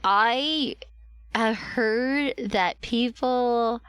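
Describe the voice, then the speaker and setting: A woman's voice: fairly high pitch, drawn-out words, a bit bright, smooth, no echo. A woman livestreamer chatting casually and affectionately with her viewers, her voice slightly strained and recovering.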